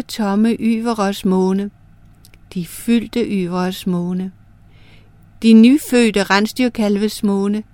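A woman's voice: mid-range voice, a little mellow, no echo, lightly acted. A woman voicing the moon as a weak, pleading male spirit who solemnly promises his service, in a told folk tale. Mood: slow chant.

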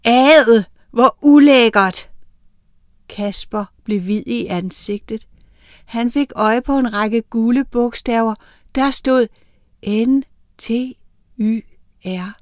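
A woman author reading a children's story aloud on the radio in a clear, measured storytelling manner. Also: mid-range voice, steady tone, no room sound, clean studio sound.

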